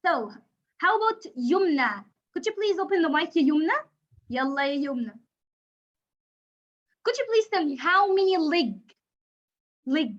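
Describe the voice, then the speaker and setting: Very high, slow teacher. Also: female voice, sing-song, lo-fi sound. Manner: encouraging, praising, sing-song. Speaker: kindergarten teacher. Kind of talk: online class teaching. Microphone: video call.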